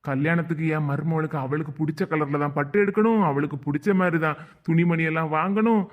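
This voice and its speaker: A man's voice: fairly high pitch, fairly even intonation, fast, narrow, tinny audio, close to an everyday voice. A man voicing a teasing young husband in a cartoon, chuckling and coaxing, with a Kanyakumari Tamil accent. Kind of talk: cartoon voice acting.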